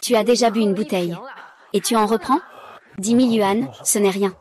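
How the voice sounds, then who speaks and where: A woman reading all the parts of a dubbed drama recap in one flat, even voice. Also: medium pitch, moderate pace.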